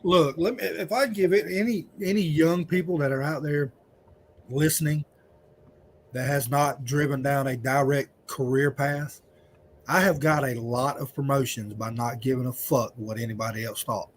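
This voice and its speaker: A man's voice: mid-range voice, steady tone, normal speed, slight background noise. A man in a casual podcast chat, plain-spoken and wry, with some swearing.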